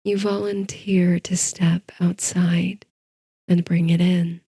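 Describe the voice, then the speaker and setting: A woman narrating a scripted sleep story in a soft, hushed, soothing manner, leaving drawn-out pauses between phrases. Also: fairly low pitch, level tone, slightly rough, no room sound.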